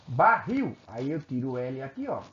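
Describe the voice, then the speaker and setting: A Brazilian man gives a recorded grammar lesson, his pitch rising and falling a lot as he walks through examples. He checks in often and repeats himself when he corrects a slip. The sound is roomy and a bit muffled, with a faint hiss underneath. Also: sing-song, normal speed, a bit bright. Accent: Brazilian Portuguese. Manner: explains step by step with frequent check-ins; self-correcting, repeats phrases. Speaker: teacher.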